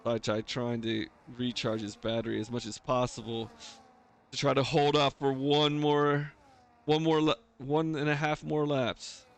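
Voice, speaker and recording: A man's voice: medium pitch, level tone, a little slow, vocal fry. A man giving live, casual motorsport commentary as a race commentator for an online league.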